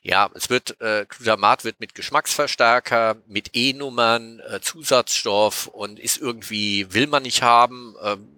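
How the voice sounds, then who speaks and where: A man on a podcast explaining taste science in a patient, lecturing way, often pausing with hesitation sounds. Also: mid-range voice, pushed and bright, dry recording. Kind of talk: casual explanatory podcast talk.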